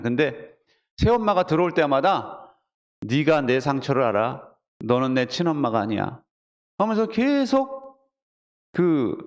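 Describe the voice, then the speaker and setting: A male pastor preaching a Sunday sermon, telling stories with lively acted-out quotes. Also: mid-range voice. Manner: animated storytelling with acted quotes. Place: church sanctuary. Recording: long church hall reverb.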